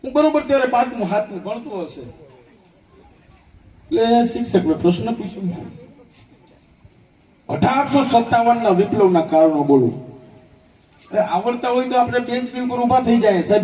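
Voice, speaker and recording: High-pitched, fiery speaker. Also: male voice. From Bhavnagar, Gujarat, India. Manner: forceful, rhetorical, acts out voices in anecdotes. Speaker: public speaker. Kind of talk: fiery public speech with humorous storytelling. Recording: echoey hall, voice from far off.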